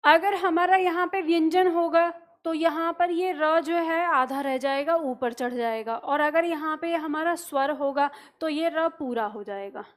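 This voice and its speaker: A woman's voice: sits high, measured pace. A woman teacher giving a classroom grammar lesson, patiently asking questions and answering them herself.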